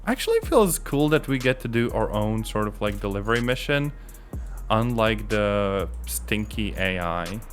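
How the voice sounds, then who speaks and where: A man's voice: on the low side, very animated, measured pace. A man streaming a game, thinking aloud in casual commentary with mild grumbles, game music playing behind. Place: home streaming setup.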